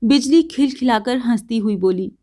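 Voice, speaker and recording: A woman narrating a story in a measured, unhurried reading. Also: fairly high pitch, dark tone.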